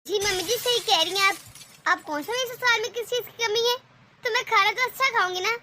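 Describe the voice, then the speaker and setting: A woman's voice: extremely high pitch, fairly quick, noisy background. A woman voicing a clever young daughter-in-law in a cartoon, sweetly polite but cheeky. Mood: sly sweet. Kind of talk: animated cartoon voice acting.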